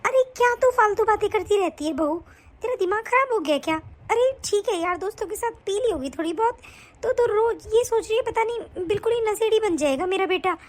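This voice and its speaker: A woman voicing an older mother-in-law in an animated story, who takes her son's side and scolds her daughter-in-law dismissively. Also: very high voice, a little fast.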